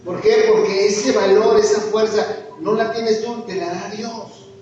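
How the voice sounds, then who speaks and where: A man's voice: high voice, fairly even intonation, a little slow, darkish tone, slight background noise. A man with a Mexican accent preaching a sermon, pressing his listeners with repeated rhetorical questions. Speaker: pastor. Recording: echoey hall, distant mic, dull sound.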